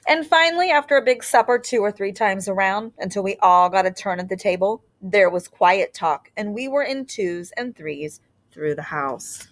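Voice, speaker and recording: A woman reads a children's picture book aloud the way a teacher would, telling the story expressively with deliberate, drawn-out phrasing. Her pitch is medium.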